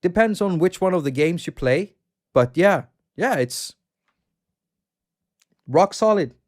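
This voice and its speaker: Speaking slowly in a high-pitched, expressive, slightly mellow voice, a man from Sweden with a Swedish accent runs a laid-back livestream. He chats and rambles about games, reads viewer chat aloud, and laughs a lot.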